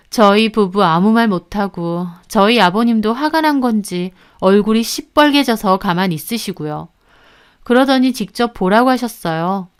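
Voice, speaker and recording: A woman narrating a first-person family drama story in a steady, scripted reading voice. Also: medium pitch, smooth.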